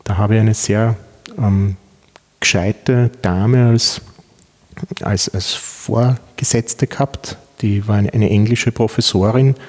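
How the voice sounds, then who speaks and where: In a large hall, a middle-aged man from Vienna answers interview questions with lots of fillers and false starts. The law professor's fairly low voice is a little mellow and carries a Viennese Austrian German accent.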